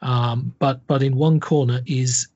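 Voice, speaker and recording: A man narrating a tabletop horror game as game master, in a halting way full of repeated words. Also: medium pitch, steady tone, darkish tone, slightly rough, highs cut off.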